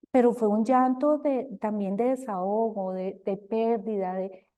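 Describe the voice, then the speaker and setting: An older woman with a Colombian accent, sharing her experience expressively at a recovery group talk, sometimes speaking loudly. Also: a little high. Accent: Colombian Spanish. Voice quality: talks loudly at times. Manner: expressive, addresses listeners as companions.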